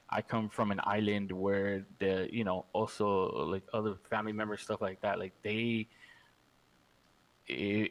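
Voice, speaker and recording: A man's voice: fairly low pitch, poor audio. A man speaking in character at a roleplay gang meeting, rambling and repeating himself.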